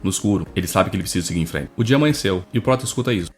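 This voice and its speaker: A man's voice: low voice, animated, rapid-fire. A man narrating a comic manhwa recap, with jokey asides. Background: faint music.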